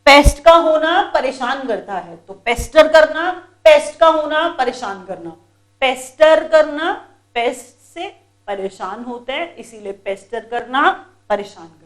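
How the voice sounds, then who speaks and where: A woman teacher leads an exam-prep vocabulary lesson in a high, animated, unhurried voice. Patient and repetitive, she drills every word again and again and calls her students children.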